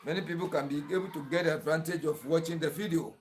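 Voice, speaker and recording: Nigerian-accented male host, slightly high voice, earnest, repetitive tutorial delivery. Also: steady tone, fast. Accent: Nigerian English. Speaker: clipper-blade sharpening tutor and channel host. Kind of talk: tutorial narration.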